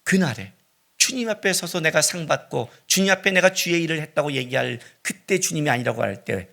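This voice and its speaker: A middle-aged man preaching a sermon as pastor, swinging between loud cries and hushed, near-whispered lines. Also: a little high, expressive, fairly quick, gravelly. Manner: dramatic preaching with sudden loud rises and hushed drops.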